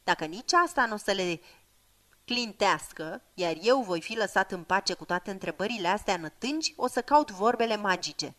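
A woman voicing a stern, short-tempered old male wizard who scolds and commands loudly. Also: mid-range voice, expressive, close to an everyday voice. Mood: scolding. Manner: commanding, scolding, slow chanted spells.

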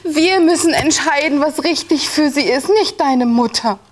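A woman playing a desperate, emotional mother on trial in a TV courtroom drama, pleading haltingly for her child. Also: sits high, slight background noise, natural voice. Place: indoor TV studio courtroom.

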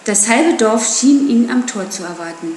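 A woman narrating an audiobook in a steady storytelling manner. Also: fairly high pitch, moderate pace, roomy sound, a little hiss or hum. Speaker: audiobook reader.

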